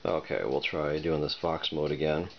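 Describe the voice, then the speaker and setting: A product reviewer gives a casual unboxing and demo, thinking aloud tentatively as he fiddles with the item. His voice is extremely low, fairly even in intonation, at a moderate pace. The recording is dull and lo-fi, noisy with clicks and beeps.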